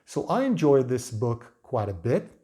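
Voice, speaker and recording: A man talking through a book review without a script, in a measured, hesitant way with pauses mid-phrase. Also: mid-range voice, very animated, warm tone. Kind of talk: unscripted book review talk.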